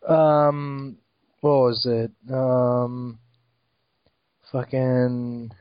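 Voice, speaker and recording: A man's voice: medium pitch, flat delivery, no room sound. A man co-hosting a casual wrestling chat in an informal, sweary way. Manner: informal, sweary, quick to chuckle. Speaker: podcast co-host. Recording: dull, dry, lo-fi audio.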